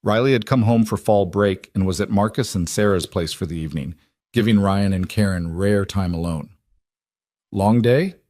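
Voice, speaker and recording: Low-voiced calm male story narrator. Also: brisk, no room sound.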